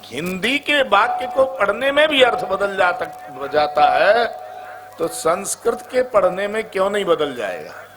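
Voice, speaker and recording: A man's voice: high voice, very animated, measured pace. A man from the Braj region preaching a devotional sermon, telling stories, chanting repeated words and singing verses to his listeners. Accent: Braj Hindi. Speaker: kathavachak preacher. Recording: music playing behind.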